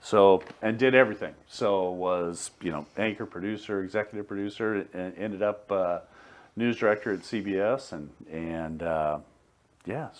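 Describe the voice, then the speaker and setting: A man in his sixties, a former TV news director, telling relaxed stories as a guest on a talk show. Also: low voice, normal speed. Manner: relaxed storyteller, chuckles through anecdotes. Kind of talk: casual interview chat.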